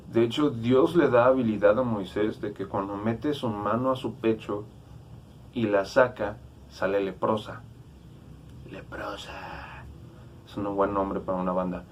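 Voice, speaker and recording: A man's voice: on the low side, normal speed, a little hiss or hum. A man with a Mexican accent preaching a casual youth sermon, conversational and slangy, often checking in with listeners. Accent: Mexican Spanish.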